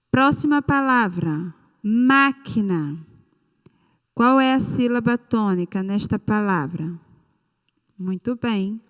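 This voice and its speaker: A Brazilian woman teacher with a medium-pitched, clean voice gives a recorded online class for children, patiently stretching out key words. Her Brazilian Portuguese accent comes through, and the recording has a long reverb tail.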